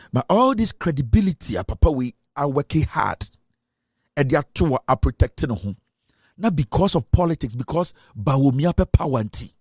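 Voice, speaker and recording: A man's voice: medium pitch, a little mellow, slightly rough, no echo, studio quality. A man with a Ghanaian accent giving impassioned political commentary, switching between English and Twi and building to indignant rhetorical questions. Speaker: online news commentator.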